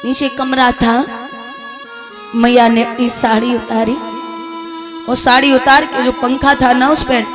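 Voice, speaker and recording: A woman storyteller tells a tearful devotional tale and preaches its lesson, talking straight to her listeners. Her voice is high-pitched, and music plays steadily behind the storytelling. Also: little pitch movement, takes it slowly, long pauses. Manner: emotional, addresses listeners directly.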